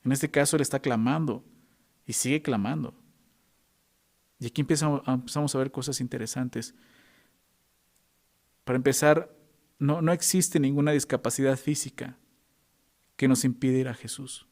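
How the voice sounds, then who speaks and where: Gravelly pastor preaching. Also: male voice, mid-range voice, normal speed, pauses often, darkish tone. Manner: emphatic preaching, frequent rhetorical questions to the congregation. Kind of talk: sermon.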